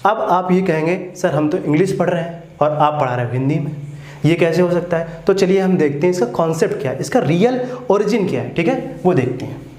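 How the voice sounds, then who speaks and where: A man's voice: a little high, a little fast, a little mellow, slight background noise. A man teaching English grammar, often asking questions and repeating "theek hai" after each point. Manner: repeats "ठीक है" and asks students questions. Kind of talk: classroom grammar lesson. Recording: echoey room.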